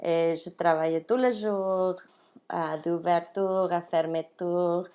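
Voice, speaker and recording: A Mexican woman who works in a restaurant tells her story casually as an interview guest, chatty and laughing often, with a Mexican Spanish accent and English words slipped in. Her lowish voice is slow with fairly even intonation, and the audio sounds dull.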